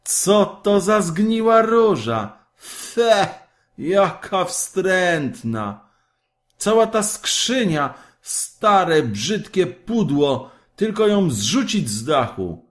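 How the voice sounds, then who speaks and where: A spiteful young boy from a storybook, put on by a man reading aloud, talks in a raised, boyish pitch. He sneers and scoffs at everything around him. The delivery is slow and drawn out. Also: huge pitch swings. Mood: mocking. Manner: sneering and scornful.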